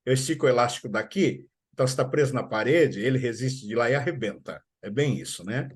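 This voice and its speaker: A middle-aged man with a Brazilian Portuguese accent, a school coordinator giving parents advice on a live stream and acting out family talk in quick asides. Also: medium pitch, expressive, slightly rough.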